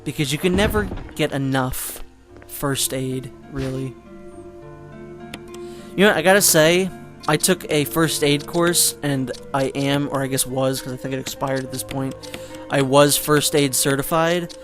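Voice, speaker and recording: A man's voice: medium pitch, measured pace, a bit bright. Rambling man commenting over game music. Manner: rambling, joking asides, frequent fillers. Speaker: let's play commentator. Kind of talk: casual gameplay commentary.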